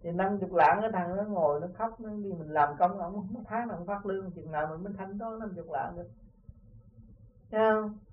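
A Southern Vietnamese man with a high voice for a man teaches disciples in an earnest, conversational way, telling parables and checking that they follow. The sound is thin and phone-like, picked up from some distance away, as on an old tape recording. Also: fairly quick, slight background noise. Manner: earnest, repeatedly asks "see?". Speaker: spiritual teacher. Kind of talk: informal dharma talk with parables.

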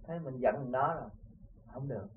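A man's voice: medium pitch, moderate pace, a little hiss or hum. A man with a Southern Vietnamese accent, a spiritual teacher giving an informal talk to disciples, earnest and often asking his listeners if they see the point. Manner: earnest, repeatedly asks "see?". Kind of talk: informal dharma talk with parables. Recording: tinny distant lo-fi tape.

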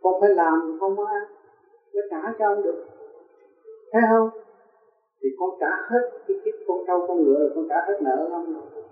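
A man's voice: high-pitched, brisk, pauses often, close to an everyday voice. A man voicing a poor male servant who humbly pleads with his master, heard through a tinny, echoey recording from far off. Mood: pleading. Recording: tinny, echoey, distant from the mic.

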